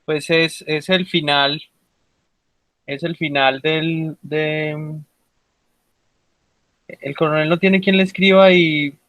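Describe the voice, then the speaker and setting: Guy on a video call, a bit high-pitched, dry sound, lots of pauses. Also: no room sound. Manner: relaxed, halting, with fillers. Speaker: book club member. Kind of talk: casual online reading club talk.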